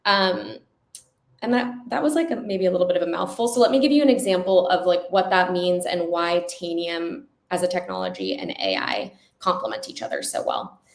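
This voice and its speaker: A woman giving an upbeat, salesy recruiting pitch with slides, speaking conversationally and often checking in with listeners. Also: expressive, fairly quick. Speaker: company recruiter. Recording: echoey room sound.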